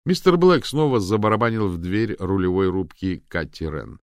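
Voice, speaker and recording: Low, gravelly male narrator. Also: expressive, no echo, clean studio sound. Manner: measured, storytelling. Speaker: audiobook narrator. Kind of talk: scripted narration.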